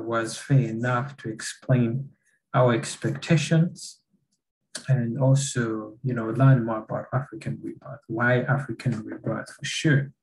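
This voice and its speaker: A young man hosting an online staff orientation over a video call, explaining in a measured way with frequent fillers and repeats. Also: mid-range voice, creaky, a little mellow, slight background noise, low-quality recording. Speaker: meeting host. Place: small indoor room.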